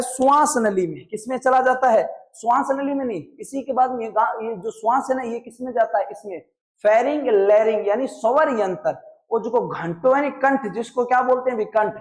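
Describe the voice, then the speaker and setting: A man with a Rajasthani accent teaching a classroom biology lesson, often quizzing his students and drilling terms by repetition. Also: very high-pitched. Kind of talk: classroom lecture.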